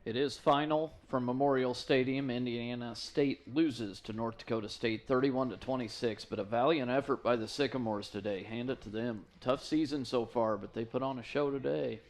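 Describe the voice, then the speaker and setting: A man giving color commentary at a college football game, with quick asides and easy laughter. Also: medium pitch.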